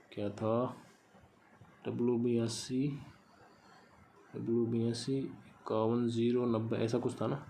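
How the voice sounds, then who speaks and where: Man, mellow, flat, step-by-step tutorial voice, faint background hiss. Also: medium pitch, gravelly. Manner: talks through each step, repeats numbers aloud. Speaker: tutorial host. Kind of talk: screen-recorded how-to explanation.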